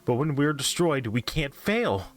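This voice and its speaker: A man's voice: mid-range voice, big pitch swings, a little slow, pitched above the performer's own voice. A man reading a creepypasta as an anxious, doom-obsessed narrator who keeps nervously reassuring himself. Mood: uneasy.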